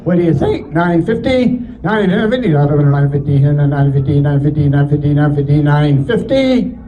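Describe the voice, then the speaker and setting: A man working as an auctioneer, calling bids in a repetitive, rhythmic, rapid chant of numbers at a live event. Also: a little high, lively intonation, lo-fi sound.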